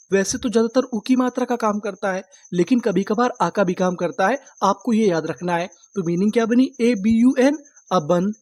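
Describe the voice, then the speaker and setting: An English teacher gives an online spelling and vocabulary lesson in a steady, mellow, high voice. He spells words letter by letter and asks quick questions that he answers right away. The sound is dry and close, with no room around it.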